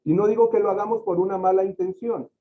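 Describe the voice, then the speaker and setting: A man's voice: high voice, steady tone, fast talker, muffled recording. A man giving a lecture to teachers, explaining ideas through everyday examples and acting out quoted speech. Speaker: facilitator of a teacher-training talk.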